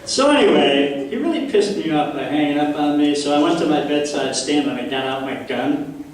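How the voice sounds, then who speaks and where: An older man performs a stand-up set in a deadpan storytelling manner, his voice a touch higher than most men's. The sound comes from far off the mic, with the club's heavy echo and loud background noise all around him. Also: moderate pace. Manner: deadpan storytelling with dark punchlines. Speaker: stand-up comedian. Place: comedy club stage. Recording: echoey club audio from far off. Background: audience laughter.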